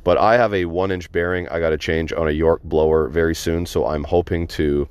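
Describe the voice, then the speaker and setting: Casting: deep-voiced male host, casual, stumbles over restarts, dry close sound. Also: fairly even intonation, fairly quick, darkish tone, clean tone, no echo, highs cut off. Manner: stammering restarts, jokey asides. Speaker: podcast host. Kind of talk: casual chat.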